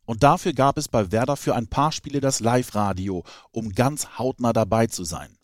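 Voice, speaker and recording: A male narrator with a mid-pitched voice reads a scripted sports report. The sound is very dry, with no room echo. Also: normal speed.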